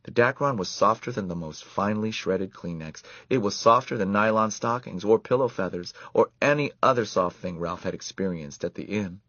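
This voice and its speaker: A man reading a children's story aloud in an expressive, animated way. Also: lowish voice, moderate pace, few pauses, no echo. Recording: dull lo-fi dry recording.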